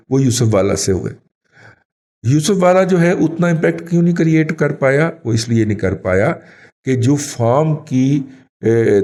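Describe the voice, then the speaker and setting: A man with a Pakistani Urdu accent, co-hosting a talk show and giving rambling, animated commentary. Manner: animated, rambling, pitch jumps when emphatic. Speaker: co-host, elder commentator.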